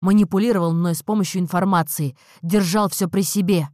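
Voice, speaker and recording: A woman voicing a furious young man who growls and shouts, in an audiobook. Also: deep voice, moderate pace, dry recording, studio quality. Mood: shouting. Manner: growling, shouting through clenched teeth.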